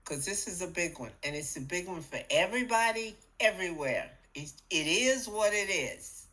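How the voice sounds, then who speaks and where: A middle-aged woman hosting a spiritual podcast, talking in a casual, animated way, acting out little voices and laughing often. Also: lowish voice, moderate pace, poor audio. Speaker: podcast host.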